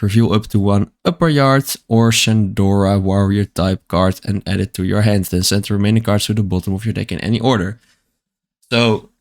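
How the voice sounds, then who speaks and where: A man talks through a card game deck one card at a time, reading each card's text aloud and then explaining it in plain words. He has the hiccups. His pitch sits in the middle range for a man. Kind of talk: casual card-by-card deck walkthrough.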